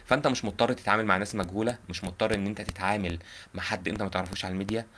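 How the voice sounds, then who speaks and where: Fast-talking young Egyptian man, low voice. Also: steady tone, fairly bright tone, slight background noise. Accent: Egyptian Arabic. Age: young adult. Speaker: prank caller giving advice. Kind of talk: earnest informal advice on a live call.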